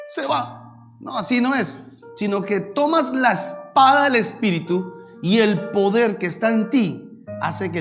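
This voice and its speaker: High-voiced preaching pastor. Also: male voice. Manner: animated preaching, acts out shouted prayers and the devil's replies. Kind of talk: sermon.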